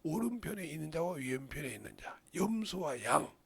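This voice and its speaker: Middle-aged guy preaching hard, gravelly voice, pitch swings all over, keeps asking the crowd stuff. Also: big pitch swings, moderate pace, no echo. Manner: impassioned preaching, rising to loud outbursts; asks the congregation questions, interjects "어?". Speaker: pastor. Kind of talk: sermon.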